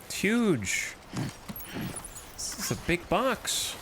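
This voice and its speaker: A man's voice: sits high, very animated, drawn-out words. A man streaming a game on a headset mic, chatting playfully with his chat and thanking viewers. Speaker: livestreamer. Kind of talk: casual gameplay commentary to chat. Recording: loud game sounds behind voice. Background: loud game noise and vehicle sounds.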